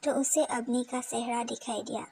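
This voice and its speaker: A woman narrates a romance novel in a steady, even storytelling read. Her voice sits high and comes out husky and breathy. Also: normal speed, rough recording. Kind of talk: scripted narration of an audio novel.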